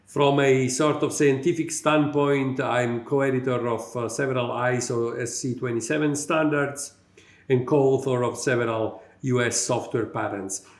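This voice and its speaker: A middle-aged Italian company executive gives a prepared conference talk in an Italian accent, halting often with fillers. His mid-range voice stays steady in tone, and the sound is reverberant.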